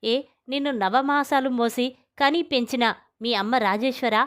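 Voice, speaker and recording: A woman's voice: on the high side, moderate pace, smooth, close to an everyday voice. A woman voicing a fierce young woman who defends her brothers with indignant accusations.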